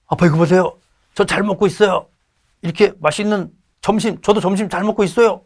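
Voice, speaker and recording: A man's voice: sits high, fairly quick, voice pushed up. A man voicing his school-age son, a cheerful, wheedling boy who calls his dad on the phone. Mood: eager.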